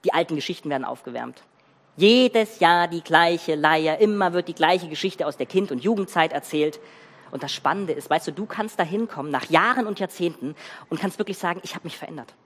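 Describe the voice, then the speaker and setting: A preacher giving a sermon, retelling a Bible story with emphatic, animated storytelling and pauses for effect. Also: mid-range voice. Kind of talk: sermon with dramatic Bible reading. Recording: reverberant church hall.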